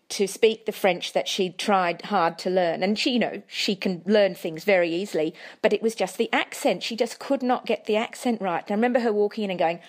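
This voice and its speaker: A woman, a friend being interviewed, telling stories in a relaxed, conversational way. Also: mid-range voice. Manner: conversational storytelling with fillers. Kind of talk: casual recollection.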